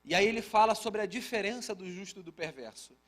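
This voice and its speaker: High-voiced Brazilian pastor preaching. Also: male voice, brisk. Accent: Brazilian Portuguese. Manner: conversational, humorous asides to the congregation. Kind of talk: sermon with personal storytelling. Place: church service.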